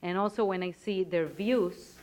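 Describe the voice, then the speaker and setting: A woman's voice: lowish voice, unhurried, darkish tone. A woman from Venezuela in the audience, earnestly building up a long question to the panel step by step. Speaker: audience member asking a question.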